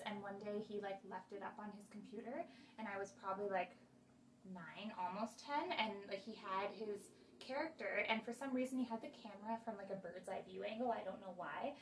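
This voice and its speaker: A woman's voice: medium pitch, a little hiss or hum. A woman in her twenties answering viewer questions in a casual chat, talking freely with lots of fillers. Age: 20s. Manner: chatty, many fillers, animated retelling. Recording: roomy sound, mic at a distance.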